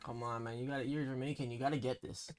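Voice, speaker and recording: A man's voice: mid-range voice, steady tone, fast, darkish tone. A young man with a Toronto accent hosts a casual, bantering quiz, teasing in easy slang. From Toronto, Canada. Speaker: host quizzing his cousin on slang.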